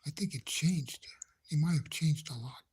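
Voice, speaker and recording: Hushed, breathy man whispering to his phone. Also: fairly high pitch. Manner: halting, rambling, gentle, nervous. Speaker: livestreamer chatting with viewers. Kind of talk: hushed casual live chat. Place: indoors in a house he shares, speaking quietly.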